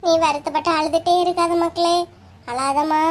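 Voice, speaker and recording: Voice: very high voice, fairly even intonation, normal speed. A woman doing a fussy old mother-in-law. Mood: soothing. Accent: Kanyakumari Tamil. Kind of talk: cartoon voice acting.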